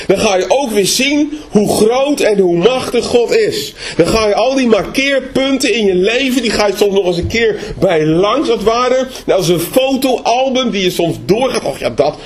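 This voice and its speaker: A man's voice: high-pitched, animated, normal speed, hardly any pauses. A man preaching a sermon in a conversational way, often asking the listeners questions. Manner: conversational, asks rhetorical questions.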